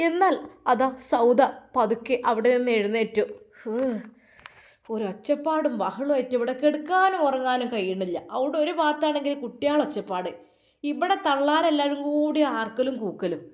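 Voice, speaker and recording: A woman's voice: high voice, lively intonation, normal speed. A woman with a Malappuram Malayalam accent narrating an emotional family story in a dramatic, emphatic way.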